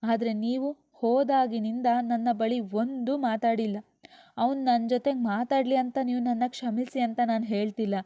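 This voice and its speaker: A woman's voice: a little high, steady tone, moderate pace, dark tone, dry recording, natural voice. A woman voicing a proud young wife who turns tearful and pleading, in a dull lo-fi recording. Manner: pleading, emotional.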